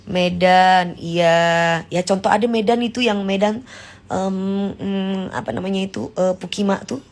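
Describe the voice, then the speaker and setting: A woman's voice: medium pitch, fairly even intonation, measured pace. A woman chatting casually on a phone live stream, explaining slang acted-out examples.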